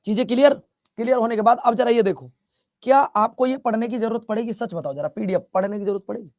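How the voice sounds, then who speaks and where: A man's voice: high voice, quick pace, darkish tone, no room sound. A male teacher from Bihar giving a chatty classroom lecture, repeating his questions and teasing students as he scolds them. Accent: Bihar Hindi.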